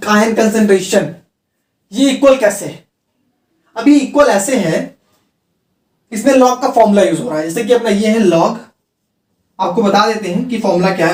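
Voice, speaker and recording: A male teacher giving a chemistry lecture, repeating key terms and asking and answering his own questions. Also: sits high. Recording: roomy sound from a distant mic.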